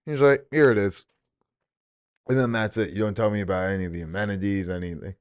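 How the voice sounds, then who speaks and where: A man hosting a podcast in a low, grounded voice. He teases and ribs his guest in loose, slangy banter. The sound is close and dry, with no room around it. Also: steady tone, rapid-fire, a little mellow, clear, resonant tone, no echo. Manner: teasing, jokey banter with crude slang. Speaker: podcast host. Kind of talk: casual chat.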